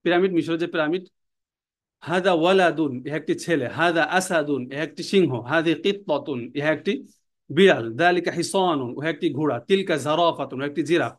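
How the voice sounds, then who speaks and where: A man teaching an online language class, repeating words and their meanings in a slow, drilling way. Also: on the high side.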